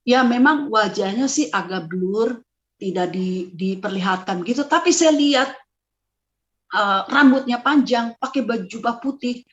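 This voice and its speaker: Emotional high-voiced woman telling her testimony. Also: expressive, unhurried. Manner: emotional storytelling, voice rising and breaking into tears at times. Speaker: testimony speaker. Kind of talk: personal testimony. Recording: slightly dull lo-fi sound.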